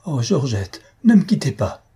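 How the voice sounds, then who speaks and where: A man's voice: medium pitch, moderate pace, mellow, husky. A man voicing a feverish young man in love, eagerly pleading with the woman at his bedside. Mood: ardent.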